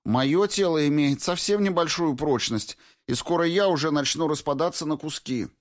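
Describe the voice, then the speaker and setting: A man's voice: on the high side, moderate pace, voice pushed up, lightly acted. A man voicing a frail young woman who pleads for rest in an audiobook, with a whiny, pleading manner.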